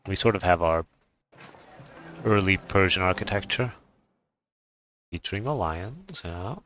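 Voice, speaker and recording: A gaming video creator with a deep voice and bright, forward tone talks through a game showcase casually and unscripted, rambling a bit as he thinks aloud. He's expressive and a little slow, with a slight hiss or hum present.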